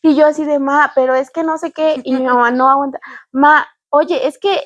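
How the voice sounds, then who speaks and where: High-voiced young Mexican woman telling stories. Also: normal speed, dull audio. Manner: animated storyteller, acts out quoted dialogue in a high voice, laughs often. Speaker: podcast co-host. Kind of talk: casual chat.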